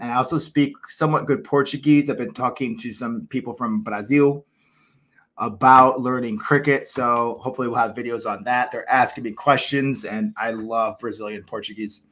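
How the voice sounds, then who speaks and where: An American man in his thirties hosts a cricket channel livestream from a small room at home, rambling enthusiastically with plenty of fillers and restarts. His mid-range voice is a bit bright, with fairly even intonation at a normal speed.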